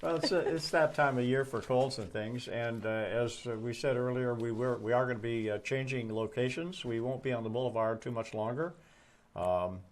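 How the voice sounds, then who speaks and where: A man's voice: medium pitch, normal speed. A man co-hosting a casual morning chat show, talking in a folksy way with wry, joking asides.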